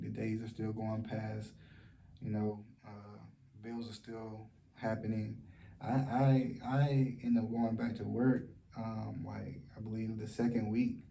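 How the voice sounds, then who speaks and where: A man talking in a personal vlog, speaking softly and low in a halting way, with many fillers and restarts. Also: gravelly, slight background noise. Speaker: vlogger. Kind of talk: personal vlog, sharing a story of loss.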